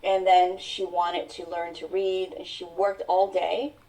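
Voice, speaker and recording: This Mandarin-native woman sounds far from the microphone as she shares her personal story on a podcast. Her lowish voice is flat and dark in tone, and her delivery is earnest and reflective, with drawn-out phrasing.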